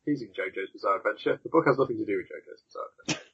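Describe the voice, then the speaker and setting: A man's voice: on the low side, fast talker, fairly bright tone, husky. A man hosting a podcast in casual chat, reading out news and rambling as he clicks through links, his voice tinny from the wrong microphone on an online call. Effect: tinny, lo-fi wrong-microphone sound. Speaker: podcast host.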